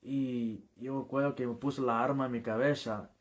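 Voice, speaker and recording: An earnest man telling his life testimony as an evangelist, his voice sitting at an ordinary middle pitch. He speaks haltingly and often stumbles back over his own words before pushing on. The delivery is plain and heartfelt, like someone recounting it in a conversation. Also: steady tone. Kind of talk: personal testimony in an interview.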